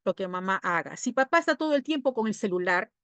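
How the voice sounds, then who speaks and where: A woman's voice: mid-range voice, expressive, fast, fairly bright tone, no room sound. A woman with a Peruvian accent, a child psychologist giving an informal talk to parents. She speaks conversationally, often tags "¿no?" and briefly acts out parents and children. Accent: Peruvian Spanish.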